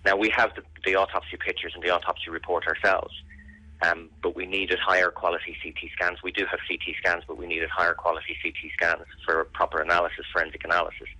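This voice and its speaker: An Irish man with a deep voice and a firm, bright edge. He answers interview questions earnestly and presses his points by repeating them. The sound is close and dry. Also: flat delivery, fast talker, no room sound, low-quality recording. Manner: earnest, insistent, repeats phrases for emphasis. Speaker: interviewee, bereaved brother campaigning for an investigation. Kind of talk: serious radio interview answers.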